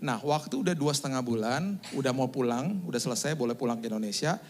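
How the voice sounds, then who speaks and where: A male pastor giving a sermon testimony, telling his story in a lively way and acting out the dialogue. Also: medium pitch, fast.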